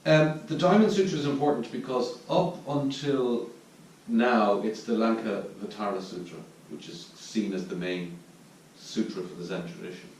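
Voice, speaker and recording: A man with an Irish accent giving a reflective dharma talk as a Zen teacher at a retreat, pausing to search for his words. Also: on the low side, darkish tone. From Ireland. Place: meditation hall at a retreat centre. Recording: distant mic in a very echoey room with faint noise.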